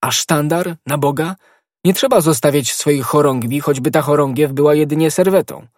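A man reading the part of a calm, stern nobleman musketeer in an audiobook, with dry, measured scorn. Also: a little high, no echo, voice pushed up, close to an everyday voice. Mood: resolute.

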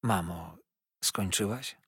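Quiet shaky young wife, a man reading her, husky voice. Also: medium pitch, huge pitch swings, a little slow, dry recording, studio quality, full character voice. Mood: timid. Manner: quiet, trembling. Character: shy trembling young wife.

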